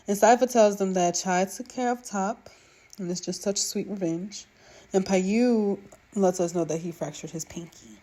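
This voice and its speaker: A woman's voice: medium pitch, moderate pace, warm tone. A woman giving a casual, gushing recap of a TV drama episode, talking chattily to her viewers.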